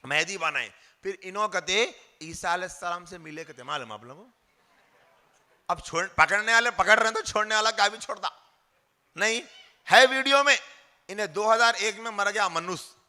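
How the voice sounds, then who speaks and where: A man's voice: sits high, lively intonation, normal speed, pushed and bright. A man giving an informal religious talk, asking his listeners questions and answering them himself, often mocking. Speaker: religious speaker.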